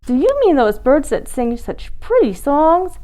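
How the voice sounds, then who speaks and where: A woman voicing a cheerful, clueless male penguin from a storybook, loud and exuberant, given to bad singing. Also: high voice, very animated, measured pace, voice pushed up, poor audio. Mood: goofy singing. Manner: exuberant, singing loudly and badly.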